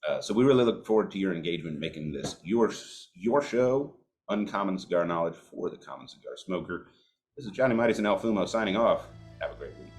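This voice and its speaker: A man co-hosting a cigar podcast, talking in a relaxed, casual way with some swearing. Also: sits low, brisk. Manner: laid-back, swears casually. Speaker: podcast co-host. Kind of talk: casual chat.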